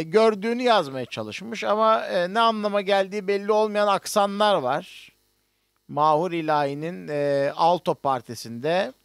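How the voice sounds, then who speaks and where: A man with a fairly high voice teaches music notation online, walking through each step as he works on screen. He hesitates often with drawn-out fillers. The sound is dry and close, with no room echo. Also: creaky. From Turkey. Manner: explains step by step while working on screen, with many hesitations. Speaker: music professor.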